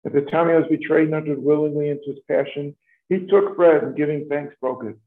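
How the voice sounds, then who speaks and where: Male priest, formal measured prayer, cathedral echo, thin lo-fi line. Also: a little high, fairly even intonation, slight background noise. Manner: measured, formal liturgical delivery. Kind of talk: leading Mass prayers. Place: large church. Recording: echoey church, tinny lo-fi sound.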